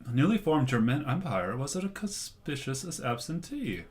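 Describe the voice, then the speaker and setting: A man's voice: mid-range voice, sing-song, normal speed. A man playing a story game, reading choices aloud hesitantly with ums. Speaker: game player.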